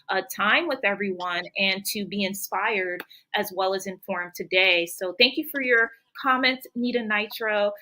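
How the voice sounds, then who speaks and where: A woman's voice: mid-range voice, pushed and bright, rough recording. A woman moderating a livestream panel as host, speaking in an effusive, encouraging way.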